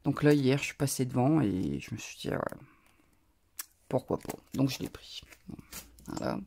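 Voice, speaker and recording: With an extremely low pitch, big pitch swings, and a creaky quality, this woman speaks at a moderate pace over some background noise. She's a crafting YouTuber with a northern French accent, rambling casually with lots of asides while showing her haul of crafting purchases.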